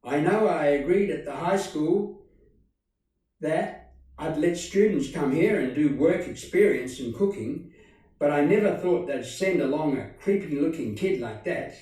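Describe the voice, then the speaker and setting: A man's voice: fairly high pitch, lively intonation, measured pace, warm tone. A man voicing a flustered middle-aged mother who chatters breathlessly in a storybook reading. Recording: very echoey room, distant mic.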